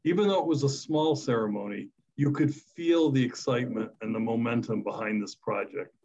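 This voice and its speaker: Middle-aged man, husky voice, upbeat briefing remarks, muffled webcam sound. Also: medium pitch, moderate pace, a little mellow. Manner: upbeat, promotional, emphatic. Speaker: health system executive. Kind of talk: prepared remarks at a media briefing. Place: office, indoors. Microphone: video call webcam. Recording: dull lo-fi video call audio.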